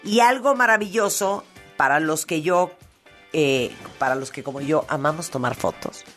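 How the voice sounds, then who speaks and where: A woman hosts a casual talk show in an upbeat, chatty manner, her voice sitting low. English is her first language, and she moves easily between banter and sponsor reads. Faint music plays under her. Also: normal speed, fairly bright tone. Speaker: radio show host. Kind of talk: casual radio chat with ad reads.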